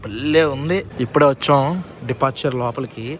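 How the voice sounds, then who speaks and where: A man's voice: mid-range voice, normal speed. A man chatting to the camera in a casual travel vlog, talking about what he sees as he walks through an airport terminal. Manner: chatty, switching between talking to the camera and to a crying child. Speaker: vlogger. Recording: noisy airport ambience.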